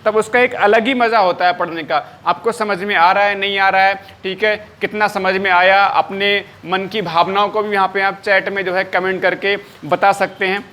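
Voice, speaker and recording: A man's voice: high-pitched, fairly even intonation, moderate pace, hardly any pauses, bright, forceful tone. A man teaching a live online maths class, repeating each point and checking often whether students follow.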